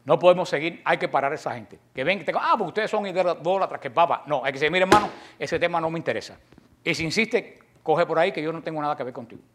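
A man from Cuba gives a fiery religious address to the faithful at a quick pace, with a little hiss or hum in the recording. His Cuban Spanish accent carries a forceful, preachy, emphatic delivery that suddenly drops low, along with joking asides.

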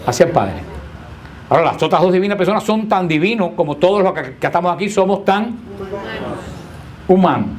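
A man with a fairly high voice leads a Bible study, explaining each point plainly and going back over it. He keeps turning questions on his listeners and teases them playfully. There is a faint hum of noise under his voice. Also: expressive, a little fast, pauses often. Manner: keeps asking the group questions. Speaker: Bible class teacher. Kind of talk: Bible study lecture to a live group.

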